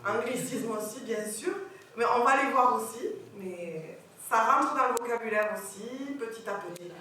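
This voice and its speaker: In a lecture hall, a woman teaching French gives a lively, animated talk on pronunciation at a moderate pace and a fairly high pitch. She corrects pronunciation and keeps asking the audience questions, while the recording, taken from far off, sounds echoey with faint hiss.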